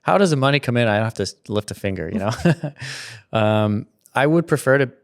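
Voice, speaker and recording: A fairly quick, gravelly medium-pitched voice with lively intonation belongs to a content creator in his thirties. As a laid-back interview guest he rambles and restarts his sentences, laughing often, recorded with a studio mic and headphones.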